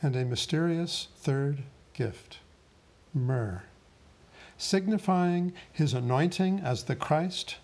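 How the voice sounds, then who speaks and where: A man preaching a sermon in a solemn, deliberate way, with grave pauses. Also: fairly high pitch, animated, darkish tone.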